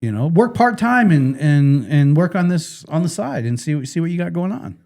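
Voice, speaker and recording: A creaky, somewhat high male voice at a moderate pace, from a middle-aged podcast co-host. He narrates stories animatedly during casual chat, dramatizing what others said.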